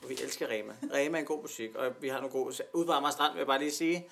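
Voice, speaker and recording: A man's voice: mid-range voice, gravelly, a bit bright, slight background noise. A young man from Denmark telling a story in a casual podcast chat, acting out the people he quotes. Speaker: podcast co-host.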